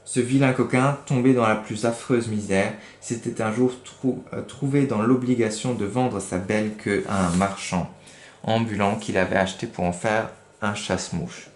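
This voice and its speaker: A man's voice: lowish voice, steady tone, moderate pace. A man reading a children's book aloud, stopping to explain words and to correct his slips. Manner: stops to correct his misreadings. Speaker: reader. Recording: echoey room.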